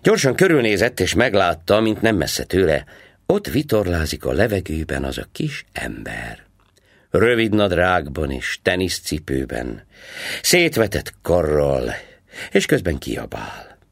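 A low-voiced man tells a story in a dramatic reading style, his voice swinging widely from deep murmurs up to high, excited peaks. His tone is husky and gravelly, and the recording is close and dry. He slips into the character's racing thoughts as he reads. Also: no echo. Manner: expressive, acts out the character's inner thoughts. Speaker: audiobook narrator.

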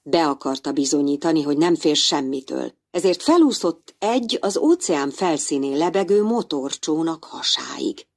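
A woman reading a children's storybook aloud as narrator, in an expressive storytelling manner. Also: sits low, vocal fry, hardly any pauses.

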